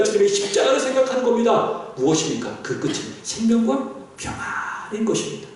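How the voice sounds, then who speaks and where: A male pastor preaching a sermon, animated, often asking the congregation questions. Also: very high voice, very echoey, distant mic, rough recording. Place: church sanctuary.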